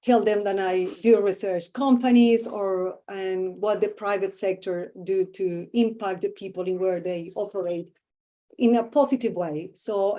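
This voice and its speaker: In a warm, mid-range voice, a middle-aged professor with a Colombian Spanish accent responds to interview questions. She is thoughtful and often searches for words, filling gaps with many fillers.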